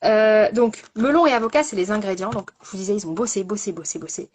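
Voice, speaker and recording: A woman's voice: medium pitch, quick pace, darkish tone, a little hiss or hum. A woman in a casual live-stream, a makeup artist presenting a product with many fillers and repeated words.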